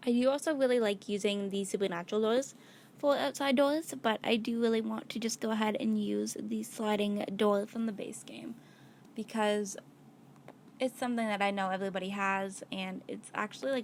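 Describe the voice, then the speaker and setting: A woman with a tired, slightly worn voice from losing it, chatting casually as she narrates a build video. She talks at a middling pitch and thinks aloud as she works, peppering her talk with "like" and "gonna go ahead". A faint hiss sits under the voice. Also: steady tone, moderate pace, a little mellow. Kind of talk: casual gameplay voice-over.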